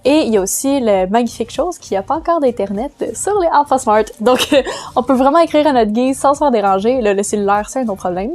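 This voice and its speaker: A woman with a Quebec French accent talks through her writing tips in a relaxed vlog. Her voice sits a little high, and she explains loosely, pausing often to find her words. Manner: chatty, explains loosely with many hesitations. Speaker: vlogger giving writing tips. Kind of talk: casual tutorial vlog.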